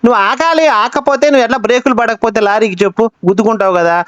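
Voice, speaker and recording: A man's voice: extremely high pitch, very fast, a bit bright, dry recording, dull audio. A man hosting a call-in show who argues hotly with a caller and hammers him with the same rhetorical questions again and again. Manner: combative, fires repeated rhetorical questions. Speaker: host taking a phone call. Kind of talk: heated phone argument.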